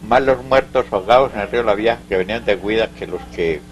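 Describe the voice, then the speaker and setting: An older man with a Colombian Paisa accent tells old stories in a fairly low voice. He halts, restarts and drifts into asides. A faint hum runs under the recording. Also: dull audio. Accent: Colombian Paisa Spanish. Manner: rambling, halting, full of restarts and asides. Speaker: elderly interviewee recounting local history. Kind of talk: storytelling in an oral history interview.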